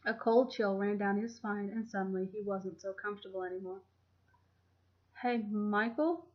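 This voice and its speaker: A woman reading a fan fiction chapter aloud in a steady, even storytelling manner. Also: medium pitch, brisk. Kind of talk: audiobook narration. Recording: dull lo-fi home recording.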